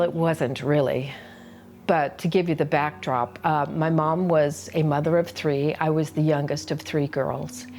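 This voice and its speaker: Low, slow-spoken older woman teacher. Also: darkish tone. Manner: earnest, reflective, confiding. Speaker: solo-performance teacher. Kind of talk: personal storytelling lesson.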